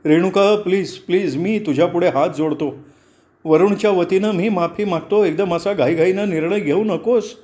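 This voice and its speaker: A man playing a gentle father-in-law, soft and apologetic, slightly raised pitch, slow. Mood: pleading.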